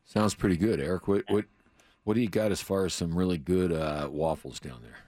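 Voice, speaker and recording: A man co-hosting a legal talk radio show, explaining law in a halting way with many restarts. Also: deep voice, warm tone, no echo, studio quality. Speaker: radio co-host, lawyer.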